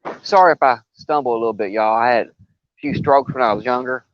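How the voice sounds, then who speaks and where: A man's voice: medium pitch, quick pace, no room sound, lo-fi sound. An older man, chatting casually on a live fishing stream from a riverbank and telling stories with stumbles and restarts. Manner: rambling, folksy storytelling with stumbles and restarts. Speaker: fishing livestreamer. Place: outdoors on a riverbank.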